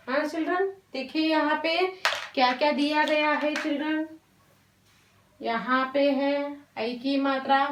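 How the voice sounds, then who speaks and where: A woman teaching a Hindi lesson to young children, talking slowly and patiently, drawing out syllables and mixing in English words. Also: sits high, far from the mic. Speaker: primary school Hindi teacher. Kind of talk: online classroom lesson. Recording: roomy echo, voice off-mic.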